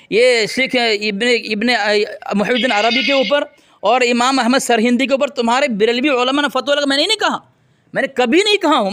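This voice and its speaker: A man's voice: very high-pitched, fairly bright tone. A man in a heated religious debate, combative and taunting as he insults his opponent over a call.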